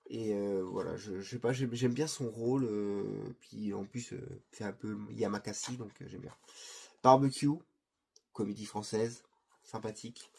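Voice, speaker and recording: A middle-aged man hosts a video showing off his Blu-ray film collection, chatting casually but hesitantly with lots of fillers and restarts. His voice is fairly low and steady, a little slow, with a creaky, husky texture.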